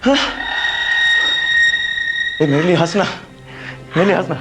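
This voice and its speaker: An actor playing a menacing male serial killer who taunts and mocks his victim, repeating himself and swinging between whispers and shouts. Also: high-pitched, big pitch swings, moderate pace, loud music behind the voice. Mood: mocking. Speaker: villain in a TV crime drama.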